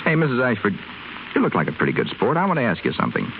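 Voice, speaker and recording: A mid-range voice swoops wildly in pitch and races along very fast as an actor portrays a flippant rich young hospital patient. He's spoiled, restless, sardonic and full of wisecracks, in 1930s radio drama style with tinny, faintly hissy sound.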